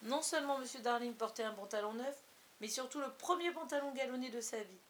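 A woman narrating a story in a wry, gently ironic reading style, over a faint hiss. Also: on the high side, fast talker. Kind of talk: audiobook reading.

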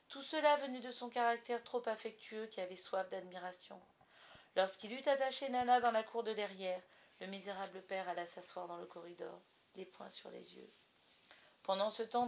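A woman narrating a storybook in a measured, expressive way. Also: medium pitch, slight background noise. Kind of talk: storybook reading.

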